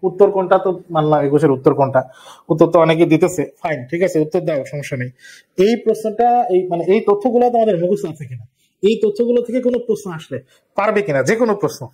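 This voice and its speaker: Young adult male tutor, high voice, patient step-by-step live lesson delivery. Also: racing, a little mellow. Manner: repeats key terms, explains step by step. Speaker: teacher. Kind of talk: live online exam-prep lesson.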